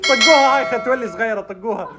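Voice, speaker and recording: A woman running a family game, giving brisk orders and often laughing. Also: a little high, loud music behind the voice. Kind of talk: casual family game calling.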